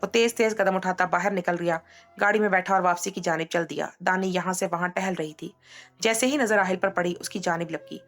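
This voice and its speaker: A woman narrating a romance novel in a steady storytelling voice. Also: on the low side, fairly quick, soft background music.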